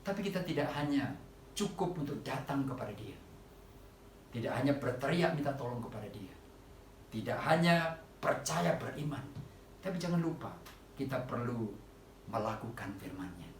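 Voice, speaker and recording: A man preaching a sermon to a congregation at an online church service, often calling out to them and rising loud on quoted cries for help. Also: mid-range voice, expressive, normal speed, long pauses, reverberant, distant mic, slight background noise.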